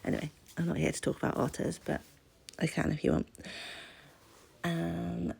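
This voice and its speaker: A British woman who hosts a craft channel has a cold, and her stuffy-nosed voice comes through as she chats casually and self-deprecatingly in a voice-over. Her pitch is fairly low and level, her pace moderate, and her tone creaky, a little mellow and husky.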